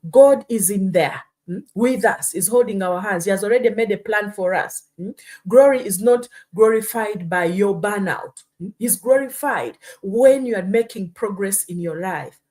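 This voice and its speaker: This Ugandan live-stream host has a medium-pitched, slightly mellow voice and speaks at normal speed. Her casual talk is earnest, regularly punctuated with check-ins like "hmm?" and "you know."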